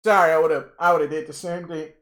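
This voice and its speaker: A young man with a high, bright voice hosts a casual live reaction stream. He rambles excitably, stumbles and repeats himself, and keeps turning to address his chat. It sounds like a desk mic. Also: fairly quick. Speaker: livestream host.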